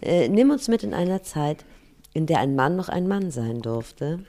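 A woman's voice: low voice, sing-song, normal speed, mellow. A woman co-hosting a casual podcast, teasing her partner and prodding him with questions. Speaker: podcast co-host. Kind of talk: casual chat.

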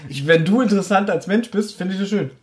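Young guy on a podcast, cocky and nitpicky, bit high voice. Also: quick pace, crowd noise. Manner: self-assured, pedantic, teasing. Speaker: podcast co-host, quiz contestant. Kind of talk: casual podcast chat. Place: small hot room at a desk mic.

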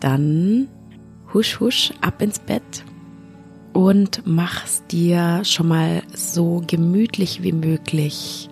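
A woman who is a podcast host and yoga teacher, guiding a sleep meditation in a soft, slow voice that often drops to a half-whisper. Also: deep voice.

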